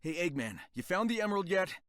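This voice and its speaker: An actor playing a cocky, carefree young hedgehog hero with a breezy manner in a video game. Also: male voice, high-pitched, sing-song, fast talker, no room sound, studio quality. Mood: teasing. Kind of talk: video game cutscene acting. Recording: loud music behind the voice.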